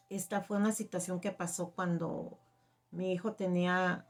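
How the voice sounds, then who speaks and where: A middle-aged woman telling a personal faith testimony, halting and emotional, with many fillers. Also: lowish voice, darkish tone. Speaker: testimony giver.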